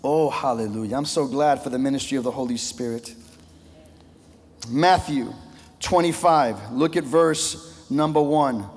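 A male pastor preaching a sermon with passion, his voice swelling and then dropping low. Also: a little slow, breathy edge. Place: church sanctuary. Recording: long echo of a large church hall.

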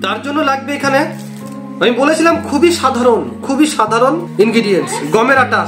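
A man's voice: very high voice, lively intonation, brisk. A young man with a West Bengal Bengali accent, host of a fishing channel, explaining a bait recipe step by step in an earnest, repetitive way. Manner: repetitive, earnest instructional talk. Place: small indoor room. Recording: echoey room with background music.

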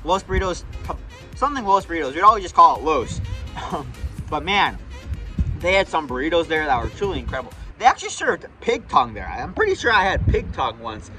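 A young male food vlogger with a high, bright voice talks through a fast food review. He keeps it casual and jokey, calling his viewers guys, recorded outdoors with faint music in the background. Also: big pitch swings, low-quality recording.

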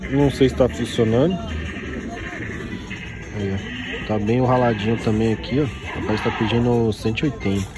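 A young man speaks at a moderate pace with fairly even intonation and frequent pauses, music playing underneath. As a toy collector vlogger, he casually walks through an outdoor flea market showing off toys, filming on a handheld phone and constantly pointing things out.

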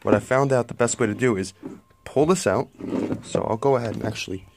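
A man's voice: medium pitch, a little fast, darkish tone, no room sound. A man in a garage explaining a car part repair while filming one-handed on his phone, plain-spoken and a bit apologetic. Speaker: home mechanic. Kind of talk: casual how-to vlog. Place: garage workbench under a tent. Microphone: phone held one-handed close to the work.

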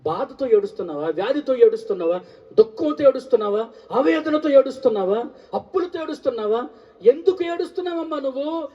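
Pastor, male, high voice, preaching with call-and-response; recorded from afar, muffled. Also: animated, brisk, far from the mic. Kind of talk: sermon.

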